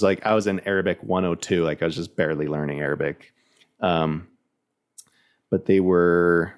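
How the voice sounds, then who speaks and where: Low, gravelly-voiced man chatting on a podcast. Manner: rambling, many restarts and "like" fillers. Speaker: podcast guest. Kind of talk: casual podcast chat.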